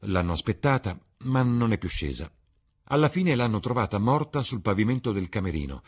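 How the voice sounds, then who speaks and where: A man voicing a worldly, cynical male aristocrat, calm and persuasive, in an audiobook reading. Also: on the low side, fairly quick, husky, pitched above the performer's own voice. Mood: smooth. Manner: suave, composed, persuasive.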